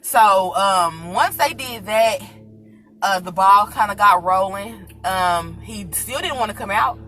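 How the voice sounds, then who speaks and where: A young woman telling a story casually to her viewers, animated and laughing, calling them y'all. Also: medium pitch, takes it slowly, faint music behind. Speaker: channel host telling her birth story.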